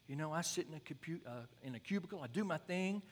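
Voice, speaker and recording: A man's voice: fairly high pitch, lively intonation, quick pace, pitched above the performer's own voice. A man voicing a laid-back young husband who casually describes his day. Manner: casual, matter-of-fact recounting. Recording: long hall reverb.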